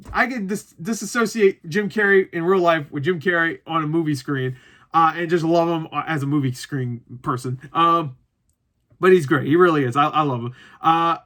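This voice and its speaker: A man with a slightly high, fairly bright voice rambles through a casual movie review full of opinions and jokes. He swears freely and repeats himself for emphasis.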